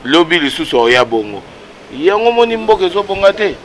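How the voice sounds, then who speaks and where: With slight background noise behind him, a man in his thirties speaks fairly quickly in a voice that sits high. He's the animated guest in a casual interview outdoors by a wall, with a Congolese accent, hand gestures and a mix of Lingala and French.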